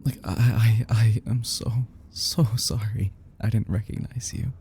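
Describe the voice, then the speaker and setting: Fairly low and steady, with a mellow quality and a faint hiss or hum underneath, a man performs an ASMR roleplay as a young yandere kidnapper who is obsessed and lovesick. His delivery is halting and fragile, full of stammers, sighs and breathy half-whispers, carrying a regretful, aching mood.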